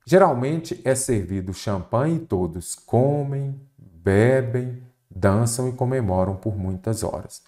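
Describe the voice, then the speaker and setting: A man with a Brazilian Portuguese accent teaching an exam-prep grammar lesson, with lively delivery and rhetorical questions to students. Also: medium pitch, takes it slowly.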